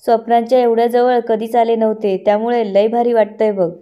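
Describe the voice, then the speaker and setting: A woman's voice: fairly high pitch, little pitch movement, brisk, dark tone, close to an everyday voice. A gloating scheming mother, read by a woman. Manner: read out in a plain narrating voice.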